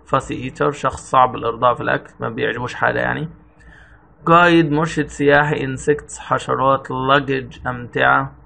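Gravelly Egyptian teacher reading word lists. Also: male voice, medium pitch, a little hiss or hum, rough recording. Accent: Egyptian Arabic. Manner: reads each English word then gives its Arabic meaning, steady and methodical. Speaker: English teacher.

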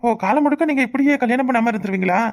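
A rich cartoon voice: a playful village bachelor with a southern Tamil accent, voiced by a woman, chasing a stern girl with quick, fast-paced teasing. He keeps pushing in a light, raised voice. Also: on the high side, close to an everyday voice. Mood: wooing. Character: cheeky balding village bachelor, teasing suitor. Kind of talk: cartoon voice acting.

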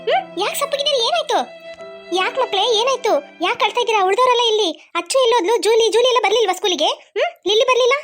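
A caring cartoon schoolteacher, fussing over her pupils with anxious exclamations. Her voice is very high and quick, with music underneath. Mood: worried. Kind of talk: cartoon voice acting.

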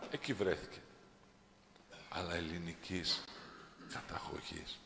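A male priest preaching an impassioned sermon, dropping to a hush and then rising to a shout. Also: on the low side, a little hiss or hum. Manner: impassioned, swings from hushed to shouting. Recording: echoey, reverberant church hall.

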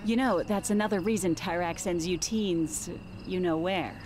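A woman voicing a hushed conspiratorial stranger. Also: lowish voice, a little slow, natural voice. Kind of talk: video game dialogue.

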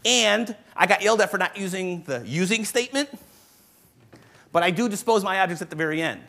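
A man presenting a live programming lecture to a room of developers, brisk and joking, thinking aloud as he demos code. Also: high voice, animated, pushed and bright. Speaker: conference presenter teaching developers. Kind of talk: live technical lecture with demo. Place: conference room with live audience.

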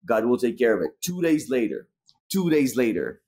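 Israeli man, 30s, storytelling comic, mid-pitched, lively quoting of others, webcam sound. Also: moderate pace, slight background noise. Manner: animated, acts out quoted dialogue. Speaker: stand-up comedian guest. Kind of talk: casual storytelling chat. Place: indoor room, video call. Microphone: webcam on video call.

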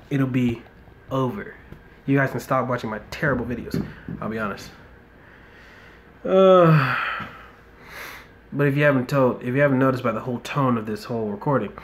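A young American man sits in an indoor room talking laid-back commentary over his mobile football game, muttering and occasionally ranting. He has a medium-pitched voice, with slight noise in the background.

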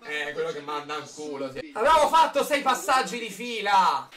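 A young man reacting live to a football match as a fan streamer, shouting and joking. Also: high-pitched, very animated, normal speed, faint music behind. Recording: echoey room, far from mic. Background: televised match crowd noise.

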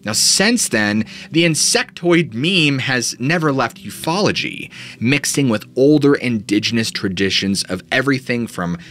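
A thirtysomething host reads scripted paranormal stories in a dramatic style, his medium-pitched, slightly bright voice moving with lively, sweeping rises and dips at a slightly slow pace. He's in a small home studio, speaking into a studio mic in front of him.

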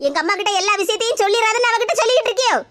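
A woman's voice: extremely high pitch, very fast, background noise. A woman voicing a suspicious, scolding mother in a cartoon, with a Kanyakumari Tamil accent. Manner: scolding, nagging. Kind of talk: cartoon comedy dub.

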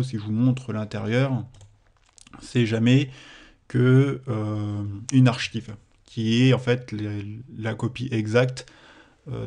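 Hesitant and prone to self-correction, a French-accented teacher talks through a computing exercise in a screen-recorded tutorial. His voice is on the low side, dark in tone, with vocal fry.

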